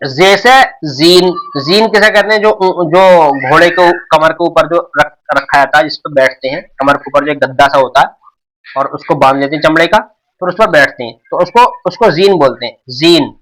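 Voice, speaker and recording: Speaking at normal speed, a middle-aged man teaching Urdu runs a beginners' alphabet class, patient and repetitive with many restarts. His voice is on the high side with a fairly bright tone, and the recording quality is low.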